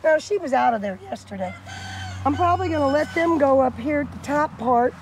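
Hoarse high-voiced farm woman. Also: expressive, brisk, a little mellow. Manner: chatty, coos high at animals. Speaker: farm vlogger. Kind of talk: casual farm vlog narration. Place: outdoor farmyard. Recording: noisy outdoor farm, chickens clucking. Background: chickens and rooster.

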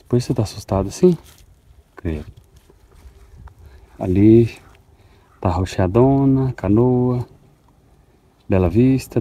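A man's voice: fairly low pitch, warm tone. A man from Goiás with a Goiás Portuguese accent, vlogging casually on his farm and talking affectionately to his cows. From Goiás, Brazil. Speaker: farmer vlogger. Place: outdoors on a cattle farm.

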